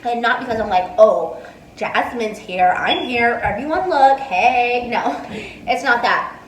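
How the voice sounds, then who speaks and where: A woman's voice: a little high, slow pace, reverberant, far from the mic, a little hiss or hum, poor audio. Chatty twenty-something woman eating on camera. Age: 20s. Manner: chatty, eating between answers. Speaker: mukbang vlogger. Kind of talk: casual Q&A while eating. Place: dining room indoors. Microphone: earphone mic, phone in hand.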